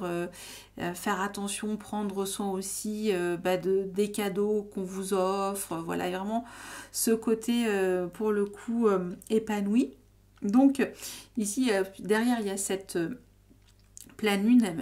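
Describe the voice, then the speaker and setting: A woman's voice: mid-range voice, a little mellow. A woman giving a casual tarot reading to her viewers, talking in a hesitant, meandering way full of fillers and restarts. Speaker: tarot reader.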